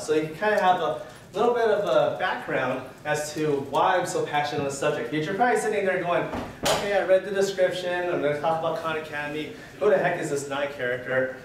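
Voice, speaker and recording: A young adult man from Taiwan gives a humorous, self-deprecating conference talk full of fillers in a conference room with a projector screen. A camera far back in the room picks up his fairly high voice with heavy reverb and a little hiss or hum.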